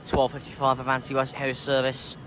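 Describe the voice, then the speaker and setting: A man's voice: mid-range voice, completely flat delivery, a little fast, a bit bright. A man giving casual commentary as a trainspotting vlogger, outdoors on a station platform. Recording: clear outdoor station background noise.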